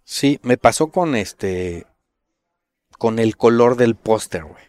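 A middle-aged man with a Mexican accent, casually telling stories as an interview guest, full of slang and swearing, animated when he quotes others. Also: medium pitch, slow, no room sound. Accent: Mexican Spanish.

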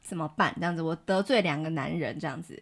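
A woman's voice: low-pitched, fast talker. A woman co-hosting a casual chat podcast, telling stories and acting out what people said. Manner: animated storytelling, acts out quotes. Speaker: podcast co-host.

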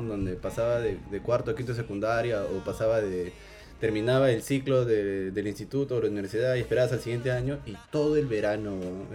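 Fast-talking man, casual chat. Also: medium pitch, a little mellow. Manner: fast, nostalgic storytelling. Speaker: podcast co-host.

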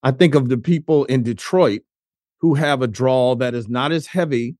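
A man's voice: medium pitch, normal speed, darkish tone, no echo, clean studio sound. A male interviewer asking questions and eagerly affirming his guest. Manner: enthusiastic, frequent affirmations. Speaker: interviewer host.

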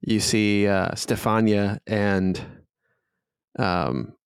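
A man narrating as game master of a tabletop game, slow and often laughing. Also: on the low side, fairly even intonation, gravelly, clear, resonant tone, dry recording, clean studio sound.

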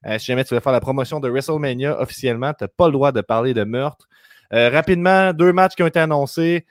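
A man's voice: medium pitch, dry recording, clean studio sound. A man with a Québécois French accent hosting a podcast, reeling off news items in casual chat. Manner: quick news rundown, lists words rapidly. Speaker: podcast host.

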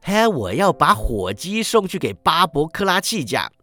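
A man's voice: fairly high pitch, sing-song, normal speed, sharp tone. A man voicing a giddy, reformed old miser who exclaims breathlessly with delight in a storybook reading. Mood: joyful.

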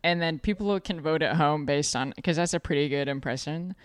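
A woman's voice: low voice, fairly quick, clear, resonant tone, no echo. A young woman co-hosting a podcast, chatting casually, joking and swearing freely. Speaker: podcast co-host. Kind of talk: casual chat. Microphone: studio microphone.

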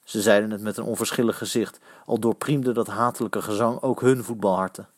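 A man reading a children's story aloud in a lively, expressive way. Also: lowish voice, brisk, no echo, clean studio sound. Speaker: narrator.

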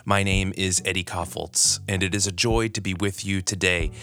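An enthusiastic man hosts a podcast interview in a fairly low voice. He talks earnestly and often restarts his sentences. Faint music plays underneath. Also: steady tone, moderate pace, sharp tone. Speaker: podcast host.

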